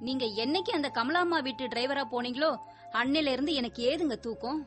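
A woman's voice: high voice, a little fast, music in the background, lightly acted. An actress playing a young wife and mother who scolds her husband with teasing reproach. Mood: reproachful. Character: warm but sharp-tongued young wife and mother.

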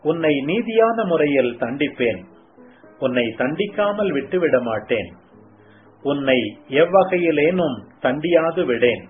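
A man's voice: on the high side, expressive. A man reading as the solemn voice of the Lord. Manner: slow solemn scripture reading. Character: solemn divine male voice of the Lord. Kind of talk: devotional scripture reading. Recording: tinny phone-like sound, faint music.

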